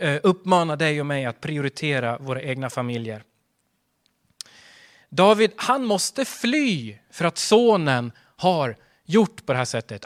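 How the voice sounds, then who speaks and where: Male pastor, fairly high voice, earnest sermon delivery with rhetorical questions and emphatic peaks.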